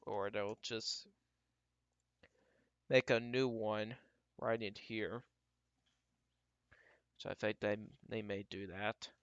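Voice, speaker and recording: A man giving casual, off-the-cuff live weather radar commentary as a livestream storm tracker, halting and repeating himself as he talks through what he scans. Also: lowish voice, level tone, a bit bright, clean tone, no room sound, muffled recording. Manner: talks to himself while scanning, halting and repetitive.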